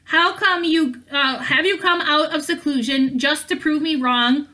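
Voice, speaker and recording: Moriana read by a woman: ambitious witch, boastful and spiteful, high, bright voice. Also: measured pace.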